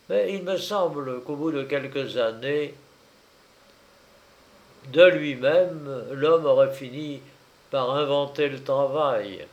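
Slow, measured male audiobook narrator. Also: on the high side. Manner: measured, wry storytelling delivery. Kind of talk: audiobook reading of a literary story.

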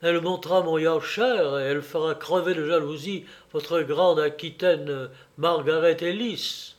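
Audiobook role: a man playing a jovial, mocking young gentleman, unhurried delivery. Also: on the high side, steady tone, lightly acted. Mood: defiant. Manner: mocking, playful. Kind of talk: audiobook character reading.

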